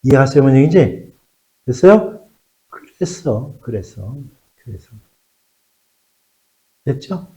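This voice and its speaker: A man teaching a math class to high school students, often repeating key words and checking that they follow. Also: sing-song, slow, long pauses, warm tone, low-quality recording.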